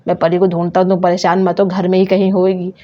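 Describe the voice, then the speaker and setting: A woman voicing a young father who scolds and calms his wife in a doll story, in a lowered voice. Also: fast talker, close to an everyday voice. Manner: scolding, soothing by turns. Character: calm, dismissive young father of the family. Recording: dull lo-fi sound.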